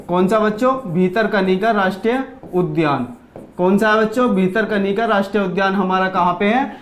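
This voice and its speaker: A man's voice: high-pitched, reverberant. A man teaching an exam-prep lesson, drilling students with repeated questions and answers. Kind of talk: energetic Hindi exam coaching lesson.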